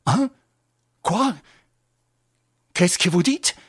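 Brief: a reader playing a terrified stammering prince, shrill and breathy, dry close sound. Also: animated, drawn-out words, no echo, exaggerated voice. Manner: shrill, panicky exclamations. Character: terrified German prince, male, panicked, stammering.

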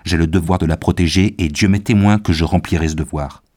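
A man voicing an indignant, hot-tempered young nobleman in a storybook reading, raising his voice high in loud outbursts. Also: fairly even intonation, a little fast. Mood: outraged.

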